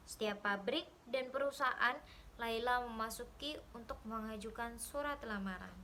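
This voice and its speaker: A young woman with a high voice reads a short story aloud as a literature student's exercise. Her delivery is careful and steady, with the odd stumble and restart. A faint hum of background noise sits behind her. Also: rough recording. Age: young adult. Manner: careful reading with small slips and restarts.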